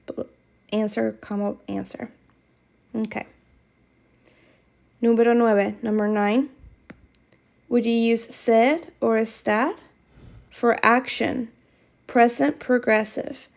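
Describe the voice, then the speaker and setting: A woman reads quiz questions to her class at an unhurried, deliberate pace. Her voice sits a bit high with a slight gravelly edge. She patiently repeats each instruction. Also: fairly even intonation. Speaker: Spanish teacher. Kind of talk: reading quiz questions to students.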